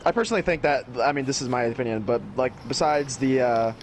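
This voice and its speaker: A man rambling through his opinions in a casual group chat. His voice sits in the middle range. A clear hiss runs under the recording. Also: mid-range voice, quick pace. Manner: rambling, full of "like" fillers. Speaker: panel guest.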